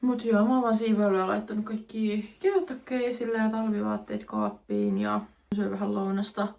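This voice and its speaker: Young woman, upbeat vlog chatter, gravelly fry, phone camera at home. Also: medium pitch, lively intonation, a little mellow. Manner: chatty, upbeat, lots of fillers. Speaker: vlogger. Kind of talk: casual vlog chat to camera. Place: at home, indoors.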